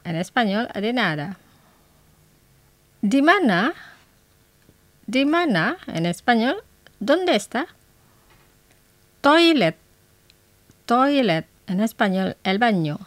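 A woman hosting a scripted radio language lesson, saying each phrase twice slowly and carefully. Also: on the high side, dry recording.

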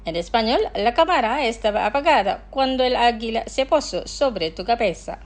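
A woman hosting a scripted radio language lesson, pronouncing words slowly and carefully for listeners to repeat. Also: a little high, animated. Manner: slow, careful pronunciation.

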